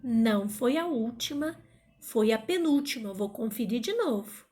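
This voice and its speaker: A woman teaching a grammar lesson in a playful manner, sometimes calling out words loudly to find the stressed syllable. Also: on the high side, expressive, moderate pace.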